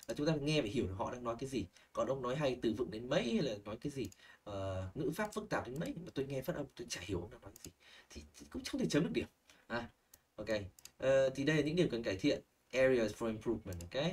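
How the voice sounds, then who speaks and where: A man's voice: medium pitch, slightly rough. Young guy teacher on a call, bit far from the mic, keys clacking, keeps asking ok?. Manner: animated, models phrases, checks in with "ok?" and "chưa?". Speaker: IELTS speaking teacher. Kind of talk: online lesson feedback, mixing Vietnamese and English.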